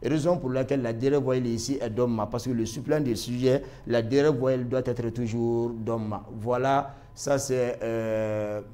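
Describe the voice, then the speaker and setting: A man's voice: medium pitch, fairly even intonation, normal speed, few pauses, warm tone. A man with a Malian French accent teaching a grammar lesson, repeating his points with many fillers and switching between two languages. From Mali.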